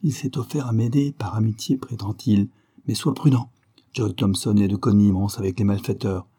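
Man reading a brisk commanding detective, crisp, urgent, low husky voice, audiobook. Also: fairly even intonation, dark tone.

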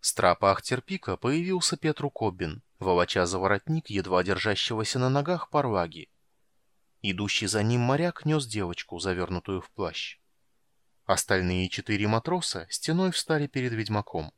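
A man narrating an adventure audiobook with a steady, dramatic delivery. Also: lowish voice, moderate pace, dry recording, clean studio sound. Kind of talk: audiobook reading.

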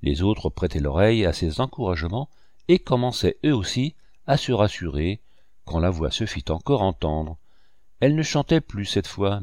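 A man reading a classic novel aloud as an audiobook narrator, in a steady, measured way. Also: deep voice, no echo, clean studio sound. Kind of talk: scripted narration.

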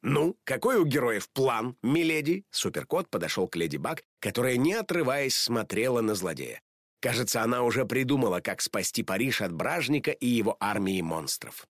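Man, storybook narration, animated lively pitch, dry close-miked sound. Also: brisk, no room sound. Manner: animated, expressive. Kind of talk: storybook read-aloud.

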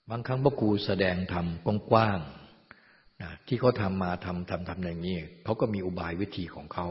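Male Buddhist teacher, calm and steady, lo-fi recording in a reverberant hall. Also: low voice. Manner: calm, repeats a gentle "na" between points. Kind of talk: dharma talk. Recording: dull lo-fi sound, long hall reverb.

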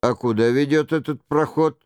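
A man voicing a sharp, commanding jester who questions brusquely. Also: on the high side, moderate pace, clear, resonant tone, dry recording, natural voice. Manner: brusque, demanding.

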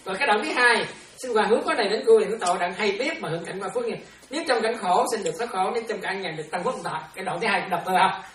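A Buddhist nun speaks to her disciples in a casual dharma talk, her medium-pitched, fairly bright voice expressive and rapid-fire with hardly a pause. She chats freely and keeps checking that everyone is following. The recording is distant and roomy, picked up in a noisy space.

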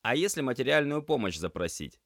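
A man reading an audiobook, voicing a cheeky young male cat student who teases his friends in a loud, lifted voice. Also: mid-range voice, very animated, fairly quick, gravelly, dry recording, clean studio sound, voice pushed up, exaggerated voice. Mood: teasing. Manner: teasing, boisterous.

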